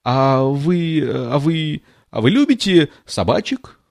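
A man's voice: fairly high pitch, lively intonation, takes it slowly, creaky, exaggerated voice. A man voicing a chatty, tactless little girl who gushes and rambles in a storybook reading. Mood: gushing, eager. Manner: gushing, rambling, apologetic chatter.

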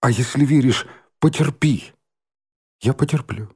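A man's voice: medium pitch, unhurried, warm tone, breathy edge. A man doing an earnest anxious schoolboy. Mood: pleading.

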